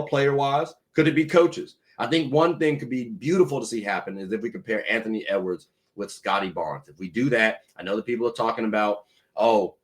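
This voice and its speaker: A man hosting a podcast, giving casual, opinionated sports talk straight to his listeners. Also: fairly low pitch. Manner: conversational, opinionated, addresses listeners as ladies and gentlemen. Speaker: podcast host. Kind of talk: solo sports talk commentary.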